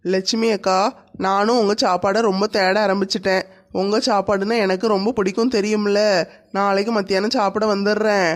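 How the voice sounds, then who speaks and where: A man's voice: sits high, flat delivery, fairly quick, close to an everyday voice. A man voicing a whiny young bride. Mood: coaxing. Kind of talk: cartoon voice acting.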